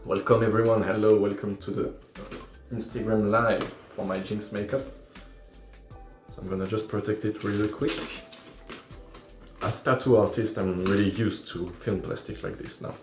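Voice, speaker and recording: A man's voice: lowish voice, fairly even intonation, moderate pace, echoey room, soft background music. A young man with a French accent chatting casually on a livestream while he does his makeup, rambling and self-deprecating with lots of fillers. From France. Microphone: phone or tablet livestream.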